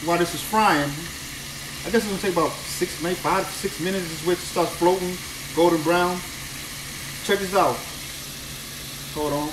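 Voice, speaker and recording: A New Orleans chef talks exuberantly during a live cooking stream from his home kitchen, his high voice moving at a moderate pace with long pauses and repeated phrases. The phone camera records from a distance as it moves around the echoey kitchen, with loud frying and sizzling food in the background.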